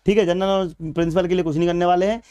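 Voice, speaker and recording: Male coaching teacher, Madhya Pradesh Hindi accent, high, clean voice, chatty live-class delivery. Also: steady tone, fast, mellow, clean tone. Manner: chatty, addresses viewers as beta and bhaiya. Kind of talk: live exam-prep class.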